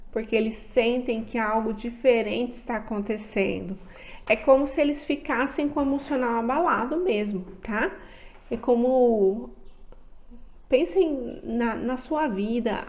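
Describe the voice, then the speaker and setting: Brazilian woman, kinda high voice, gentle tips for parents, keeps saying "tá?". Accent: Brazilian Portuguese. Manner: gentle advice with frequent "tá?" check-ins. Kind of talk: talking to parents.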